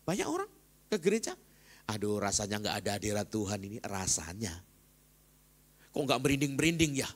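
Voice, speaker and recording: Seorang pendeta pria berkhotbah dengan semangat, suaranya naik keras saat menekankan poin dan turun lebih rendah saat menirukan orang lain. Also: male voice, fairly quick, pauses often. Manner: lively preaching with loud rises, acts out quoted voices in a lower tone. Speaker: pastor. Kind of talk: sermon. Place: church service.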